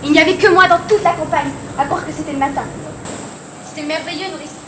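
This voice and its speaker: A stubborn young princess speaks with earnest tenderness in a very high voice, played by a teenage girl. She sounds far from the mic in an echoey hall, with loud crickets and insects behind. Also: fast, noisy background, close to an everyday voice. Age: teens. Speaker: student actor. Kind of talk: school stage play. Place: theatre hall.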